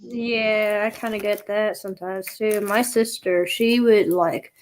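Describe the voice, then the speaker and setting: A woman chatting casually on a stream, giggly and animated. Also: medium pitch, unhurried.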